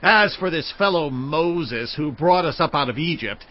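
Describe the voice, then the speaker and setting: An actor voicing a clamoring Israelite from the crowd, making demanding, drawn-out proclamations. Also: male voice, fairly high pitch, expressive, lightly acted. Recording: dull lo-fi audio.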